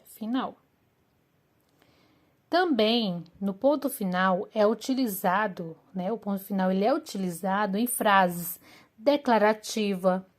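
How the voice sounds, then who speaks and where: Woman teacher, slightly high voice, slow and deliberate, sprinkles fillers while explaining. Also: darkish tone. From Brazil. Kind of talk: remote class lesson.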